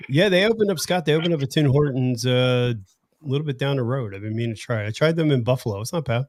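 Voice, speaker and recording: A man hosting a casual livestream, telling a story in an animated, joking way. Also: medium pitch, dry recording, studio quality. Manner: animated storyteller, quick jokes and laughs. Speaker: livestream host.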